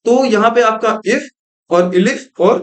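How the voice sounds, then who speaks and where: A young male programming tutor talks slowly in a high voice during a screen-recorded lesson. He explains each step, mixes in English terms, and repeats "thik hai" often.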